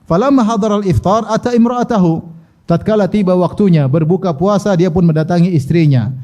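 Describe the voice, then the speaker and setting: A man's voice: high voice, a little fast, mellow. A man giving a religious lesson, reciting Arabic passages, then translating them and acting out the dialogue with humor. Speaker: Islamic preacher.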